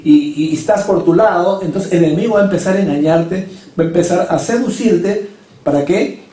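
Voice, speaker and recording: A man's voice: high voice, mellow. A male pastor delivering a sermon, pressing his points with emphatic rhetorical questions. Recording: echoey hall, mic at a distance.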